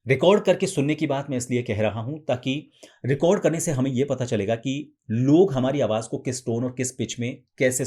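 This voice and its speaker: A man coaching voice practice, explaining each step patiently and now and then demonstrating sample lines in a raised, softer pitch. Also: slightly rough. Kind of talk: instructional explanation.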